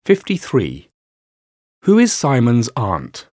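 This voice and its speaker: A man narrating a listening test, reading out question numbers and questions in a plain measured way. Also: medium pitch, wildly swooping pitch, darkish tone, no room sound, clean studio sound. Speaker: exam narrator.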